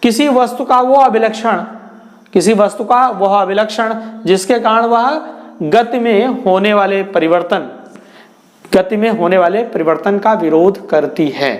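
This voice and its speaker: High-voiced Hindi teacher lecturing. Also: male voice, unhurried. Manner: asks questions and answers them himself; repeats and restates phrases. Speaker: physics teacher. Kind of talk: classroom lecture.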